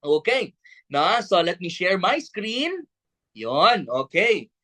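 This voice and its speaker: High-voiced Filipino man pitching eagerly. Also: slow. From Bukidnon, Philippines. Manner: peppers lines with tag questions; energetic, persuasive. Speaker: presenter. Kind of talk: online sales presentation.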